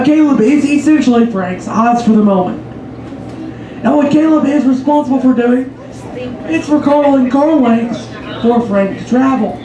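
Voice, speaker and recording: A man working as tour guide and trainman, addressing passengers in a projected, ceremonious announcer's delivery. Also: very high voice. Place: aboard a train carriage. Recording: echoey, loud train noise.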